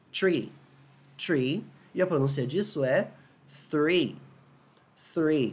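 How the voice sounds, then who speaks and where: Brazilian male English tutor, brightish pitch, chatty and encouraging. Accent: Brazilian Portuguese. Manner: upbeat, asks viewers for agreement, slows down for English examples. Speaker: English teacher. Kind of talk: casual video lesson.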